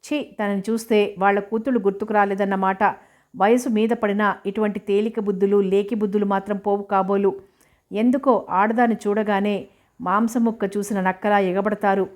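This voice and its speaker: A woman reading a novel aloud as an audiobook narrator, in a steady, measured storytelling manner. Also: mid-range voice.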